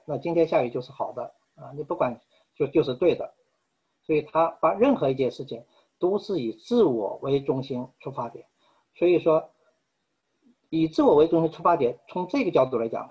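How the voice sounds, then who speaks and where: A man preaching a sermon in an earnest, measured way, pausing often. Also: a little high, slightly rough, dull audio. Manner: earnest, measured, with frequent pauses.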